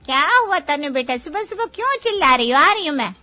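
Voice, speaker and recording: A woman's voice: high-pitched, very animated, fast, pushed and bright, faint music behind, exaggerated voice. A woman voicing a middle-aged mother who scolds and dotes on her children in a cartoon. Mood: scolding.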